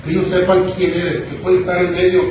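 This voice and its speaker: A man's voice: high voice, completely flat delivery, a little fast, a little mellow. A man preaching a sermon, telling the story with emphatic repetitions. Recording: echoey hall, distant mic, noisy.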